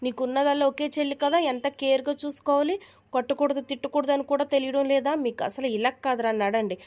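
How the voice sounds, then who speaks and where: A woman's voice: sits high, fairly even intonation, quick pace, a little mellow, natural voice. Woman voicing a stern cartoon mother. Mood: scolding. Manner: scolding then coaxing, motherly. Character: mother of the children, stern but caring. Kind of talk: cartoon voice dubbing.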